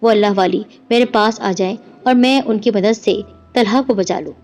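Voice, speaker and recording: A woman narrating a horror story in a steady, scripted storytelling voice. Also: mid-range voice. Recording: dull lo-fi with music behind.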